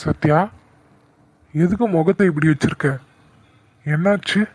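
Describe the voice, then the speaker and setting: A man's voice: on the high side, unhurried, darkish tone, dry recording, soft background music. A man voicing a stern young male college lecturer who questions firmly in a cartoon. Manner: firm, questioning. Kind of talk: cartoon voice acting.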